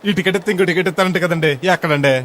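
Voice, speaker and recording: An actor playing a naive, middle-aged village man on his first flight, loud and rustic, mangling English words. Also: high voice, steady tone, racing, slight background noise. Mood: clueless. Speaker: actor in a film comedy scene. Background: film background music.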